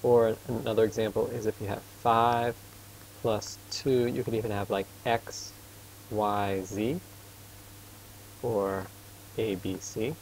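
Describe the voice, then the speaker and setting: Guy tutoring math, gravelly, patient and casual, bit of hum behind. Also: lowish voice, fairly even intonation, a little mellow, low-quality recording. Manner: casual and patient, quizzes his student, admits he talks fast. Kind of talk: informal tutoring lesson.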